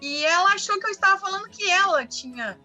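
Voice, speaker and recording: A woman from southern Brazil, a school monitor explaining her work in a casual online live interview, lively, with frequent tag questions. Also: extremely high pitch, fast, soft background music. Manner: animated, explanatory, speaks in short bursts with frequent tag questions.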